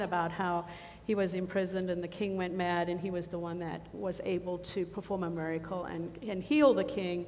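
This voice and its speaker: A woman walks a church congregation through photos from a mission trip, chatting along, full of ums and restarts. Her voice sits at an ordinary middle pitch. The sound has a long hall echo and a faint hiss behind it. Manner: chatty, loses her thread, many ums. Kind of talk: slide presentation to a church congregation. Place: church sanctuary. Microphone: handheld or lapel mic.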